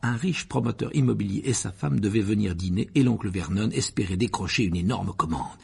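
A man narrating a children's novel aloud, expressive, often dropping to a hush at the ends of phrases. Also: on the low side, fairly quick, gravelly, breathy edge. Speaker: audiobook narrator. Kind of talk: scripted narration.

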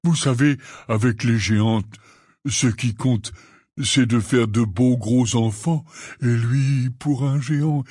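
A man's voice: mid-range voice, warm tone, no echo, studio quality. A man voicing a huge, anxious, tender-hearted half-giant in an audiobook, stammering and pleading. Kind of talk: audiobook character reading.

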